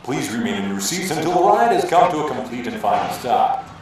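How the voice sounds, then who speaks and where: A man voicing an adult male amusement-ride announcer who gives formal, polite safety announcements over an outdoor loudspeaker. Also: medium pitch, very animated, fairly quick, slight background noise. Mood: routine announcing. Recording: echoey, distant loudspeaker sound.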